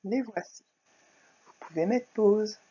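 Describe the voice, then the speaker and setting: Woman, primary school teacher, mellow husky voice, phonics lesson, slow syllable-by-syllable delivery. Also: mid-range voice. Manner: slow, carefully articulated, syllable by syllable. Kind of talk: recorded phonics lesson for young children. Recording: dull lo-fi recording.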